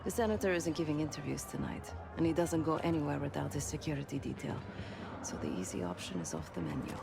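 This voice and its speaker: A cool, shrewd spy woman from a video game. Her voice is low with plenty of fry, controlled and confident as she instructs. Music is audible behind her. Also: expressive, fast, exaggerated voice. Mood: cool, instructing. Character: cool, shrewd female spy briefing an operative. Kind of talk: video game cutscene acting.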